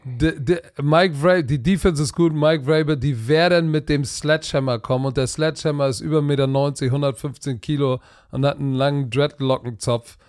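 A tired man with a fairly high voice chats about football picks in a loose podcast. He talks in an animated way, full of wild images and trash talk. The recording is dry and close, with no room sound. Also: a little fast, few pauses, dry recording. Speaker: podcast co-host. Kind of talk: casual sports chat.

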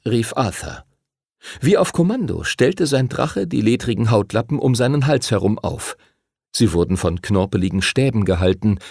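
Male storybook narrator, gravelly and dry, lively intonation. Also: lowish voice, no room sound. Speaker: audiobook narrator. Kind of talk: scripted narration.

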